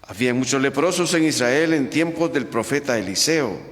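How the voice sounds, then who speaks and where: A man, a priest, proclaiming the Gospel at Mass in a slow, measured way, his voice ringing through a large church's cathedral echo. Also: medium pitch, lively intonation. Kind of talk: liturgical Gospel reading at Mass. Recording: long church reverb.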